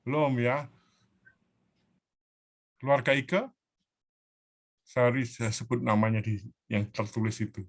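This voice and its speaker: A man, a pastor teaching a parenting class over a video call, earnest and animated, acting out children's pleas. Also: medium pitch, takes it slowly, long pauses.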